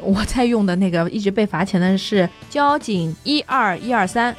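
A woman's voice: mid-range voice, normal speed, soft background music. A woman co-hosting a casual podcast chat, joking and chiming in often. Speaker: podcast co-host.

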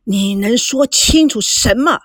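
A stern old grandfather rules the family in this audiobook story, as a woman reads him aloud. His voice sits low and moves slowly, with a scolding weight. The recording is dry and close. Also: animated, slightly rough, no echo, heavily acted.

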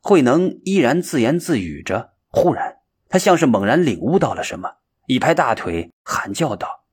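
A man narrating a story as an audiobook, reading in an expressive, dramatic way. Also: mid-range voice, normal speed, husky.

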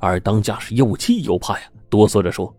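A man narrating a ghost story in a steady, suspenseful telling. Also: fairly low pitch, brisk, no room sound, soft background music.

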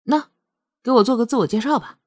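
A woman reading a novel aloud, voicing a cool-headed, scheming young woman in a slightly breathy voice with a brisk, commanding manner. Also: on the high side, voice pushed up, natural voice. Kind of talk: audiobook character voice.

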